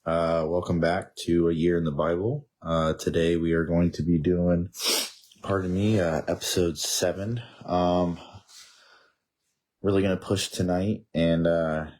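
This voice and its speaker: A man with a head cold, sounding congested and monotone, casually reading the Bible aloud with comments and many fillers. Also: low-pitched, a little slow. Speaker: Bible reading podcast host.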